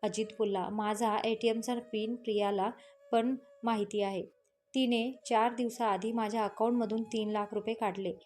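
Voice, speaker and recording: A woman's voice: fairly high pitch, flat delivery, moderate pace, darkish tone, faint music behind. A woman narrating a family drama story, reading every character's lines in a near-normal voice. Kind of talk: scripted story narration, voicing all characters.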